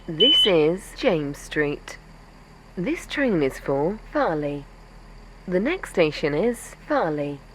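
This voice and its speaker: A woman's voice: on the low side, big pitch swings. Woman's spliced together train announcements. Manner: measured, evenly spaced public-address delivery. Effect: spliced together recorded words. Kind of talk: recorded onboard announcements. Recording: loud train noise behind.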